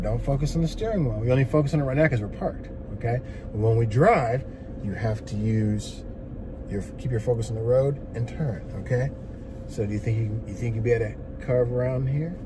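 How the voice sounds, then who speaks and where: A man's voice: mid-range voice, background noise. A man acting as a driving instructor, giving hands-on lessons in short, repeated directions inside a vehicle. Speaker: driving instructor, teaching a learner. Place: inside a parked or slowly moving van.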